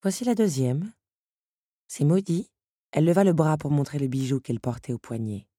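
A woman narrating a story in an expressive storytelling manner. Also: sits low, a little fast, husky, no room sound, clean studio sound. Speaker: audiobook narrator. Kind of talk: scripted narration.

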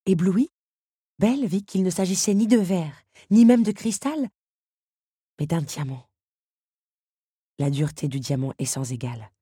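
A woman narrating an audiobook chapter with expressive, dramatic storytelling. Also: lowish voice, measured pace, pauses often, husky, dry recording, clean studio sound.

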